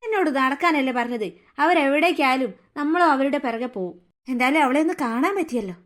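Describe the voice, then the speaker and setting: A woman's voice: high voice, lively intonation, fast talker. A woman voicing a bossy young man in a cartoon, ordering his friend around. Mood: suspicious. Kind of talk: cartoon voice acting.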